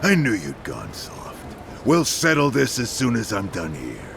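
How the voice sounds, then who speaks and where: An actor playing a gruff, threatening gang leader in a video game, talking with open contempt. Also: male voice, on the low side, wildly swooping pitch, measured pace, music in the background, exaggerated voice. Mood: menacing. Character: menacing gruff male gang boss, threatening.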